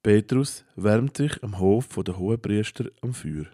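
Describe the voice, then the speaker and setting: A man narrating a children's Bible story in a calm, plain storytelling manner. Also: lowish voice, unhurried, dry recording, studio quality.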